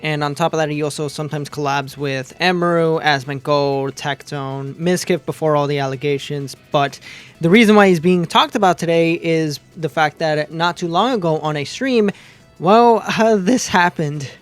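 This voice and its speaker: A man's voice: on the high side, moderate pace, soft background music. A man hosting a casual online news commentary show, laid-back and sarcastic in tone.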